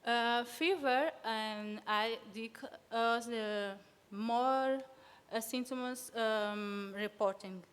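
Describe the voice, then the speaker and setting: Presenting an academic talk in a reverberant conference hall, a nervous woman speaks very slowly in a fairly high, fairly bright, smooth voice. She is from São Tomé and Príncipe, a native Portuguese speaker, and she hesitates with many fillers.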